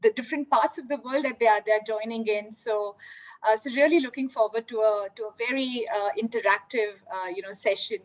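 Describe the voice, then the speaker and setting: Woman panelist on a video call, somewhat high voice, thoughtful, filler-heavy delivery. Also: brisk, low-quality recording. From India. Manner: reflective, many "you know" fillers. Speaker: panelist, leadership development. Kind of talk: virtual panel discussion.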